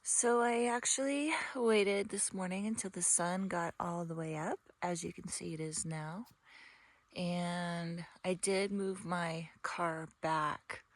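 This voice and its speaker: A woman vlogger with a groggy morning voice, chatting softly and sometimes in a hush from inside her small car camper. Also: fairly low pitch, no room sound. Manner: soft-spoken, chatty, often hushed. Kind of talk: casual vlog chat.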